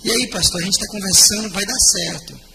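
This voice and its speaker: A man's voice: high voice, fairly quick, vocal fry, long reverb tail, background noise. A man playing a pushy pious old churchwoman. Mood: pleading. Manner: insistent, pious. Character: pushy 67-year-old churchwoman sure of revelation.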